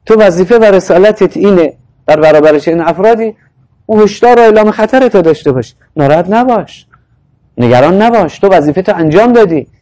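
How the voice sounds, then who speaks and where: A man giving a sermon on Quranic verses, reciting the Arabic lines slowly and then explaining them in conversational speech. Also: high voice, warm tone, low-quality recording. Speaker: Quranic lecturer.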